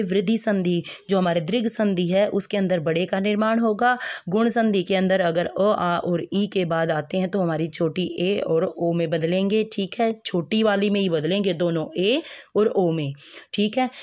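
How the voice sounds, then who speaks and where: Patient low-voiced woman teacher. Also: a little mellow. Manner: patient, repeats checks like "ठीक है" and "समझ में आया"; calls listeners "बेटा". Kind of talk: Hindi grammar lesson for children.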